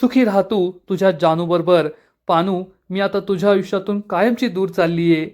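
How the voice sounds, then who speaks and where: A man's voice: high-pitched, moderate pace, a little mellow, natural voice. A man reading the lines of a tearful, melodramatic young wife in a serial recap.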